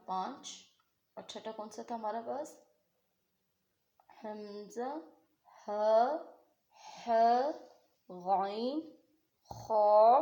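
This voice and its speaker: A woman's voice: medium pitch, a little mellow, roomy sound. A woman teaching Quran recitation rules in an online lesson. She talks patiently, asks a question and then answers it herself.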